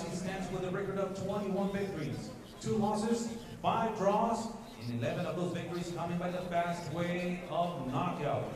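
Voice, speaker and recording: High, booming lucha libre-style male ring announcer. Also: recorded from a distance. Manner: theatrical lucha libre announcer style, drawn-out shouted names. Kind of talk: bilingual boxing ring announcing. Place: boxing ring in an indoor venue. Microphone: handheld microphone. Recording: echoey PA with long reverb and crowd.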